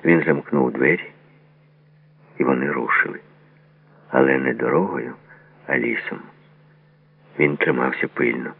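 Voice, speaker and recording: A man with an extremely low, gravelly voice narrates a novel in a measured, literary way. The audio is thin and tinny, like a phone line. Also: dry recording. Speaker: audiobook reader.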